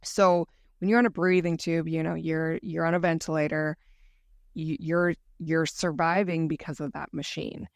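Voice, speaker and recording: A woman's voice: low-pitched, little pitch movement, moderate pace, gravelly, no room sound, studio quality. A woman guest telling her story candidly in a conversational interview. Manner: earnest, candid recounting.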